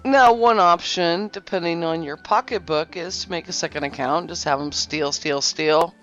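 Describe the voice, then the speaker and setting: A woman with a lowish, slightly bright voice talks at normal speed as she narrates gameplay for a game guide. Her casual tutorial wanders, she often corrects herself, and fillers abound. Faint music sits under a slightly dull lo-fi recording.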